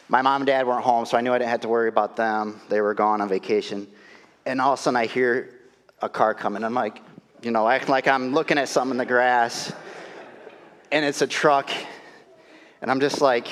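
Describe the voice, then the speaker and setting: With a medium-pitched, slightly bright voice made nasal by a cold, a middle-aged male pastor preaches in a church sanctuary. His sermon is casual, conversational and self-deprecating, told like a story, with the long reverb of a church hall.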